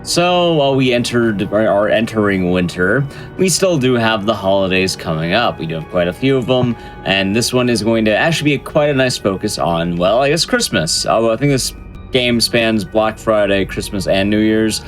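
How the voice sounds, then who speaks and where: Male speedrun host, lowish voice, casual announcer delivery, faint music underneath. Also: expressive, moderate pace.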